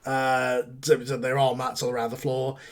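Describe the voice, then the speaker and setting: A man running a tabletop wrestling game as game master, thinking aloud in halting, relaxed phrases. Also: mid-range voice.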